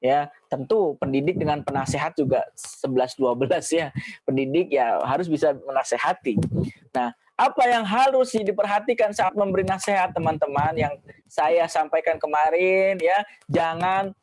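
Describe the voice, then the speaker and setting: A man giving a relaxed, conversational parenting lesson, with frequent filler words and a livelier voice when he acts out scolding lines. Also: moderate pace, no echo, poor audio. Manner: raises pitch to act out scolding quotes. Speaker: Islamic parenting teacher. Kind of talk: casual spoken lesson.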